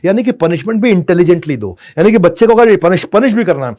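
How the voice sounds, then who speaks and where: Animated male lecturer, higher-pitched voice. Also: quick pace. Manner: dramatic, swings from loud scolding to soft asides. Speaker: business consultant and parenting coach. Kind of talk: motivational lecture.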